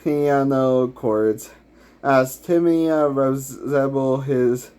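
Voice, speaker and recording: A man talks slowly through his own video commentary, a YouTuber whose delivery is halting and riddled with "uh" fillers. His voice sits at a middling pitch. He keeps restarting his sentences mid-thought. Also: a little mellow, smooth. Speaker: YouTuber ranking villain songs.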